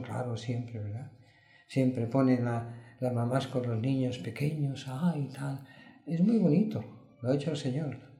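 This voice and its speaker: Male preacher, mellow tone, rhetorical questions, roomy sound. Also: medium pitch. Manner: earnest, rising to emphatic peaks, asks rhetorical questions. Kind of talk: sermon.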